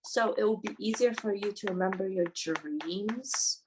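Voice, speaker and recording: A woman's voice: mid-range voice, unhurried, background noise. A teenage girl co-hosting a podcast, chatting casually and rambling through stories. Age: teens. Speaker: podcast co-host. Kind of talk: casual chat.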